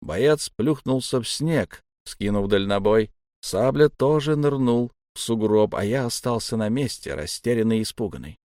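A man giving a measured, tense first-person audiobook narration. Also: mid-range voice, expressive, darkish tone, no echo, studio quality.

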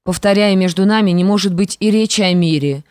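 A woman's voice: mid-range voice, a little fast, darkish tone, dry recording, clean studio sound, close to an everyday voice. A woman voicing a defiant young stepdaughter in an audiobook, firm and reproachful. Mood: indignant. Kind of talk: audiobook character reading.

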